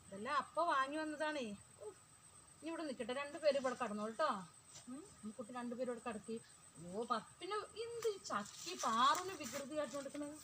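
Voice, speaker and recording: A woman playing mother to her dolls, talking in fond, coaxing, motherly chatter. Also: sits high. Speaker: vlogger. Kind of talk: pretend play, mothering dolls. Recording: clear background noise.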